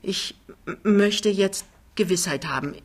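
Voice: mid-range voice, a little slow, slightly rough. A reader doing a timid young clerk. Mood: hesitant. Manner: hesitant.

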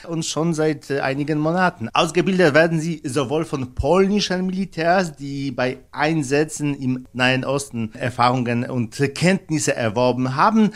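Hesitant male correspondent. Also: fairly high pitch. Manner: halting, many fillers. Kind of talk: news interview answers.

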